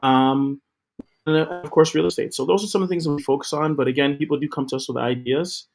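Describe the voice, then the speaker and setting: A man's voice: on the high side, steady tone, fast, vocal fry, faint music behind. A middle-aged man giving an upbeat, promotional account of his TV company as an interview guest, with a few fillers. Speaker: guest, TV co-founder. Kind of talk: interview talk.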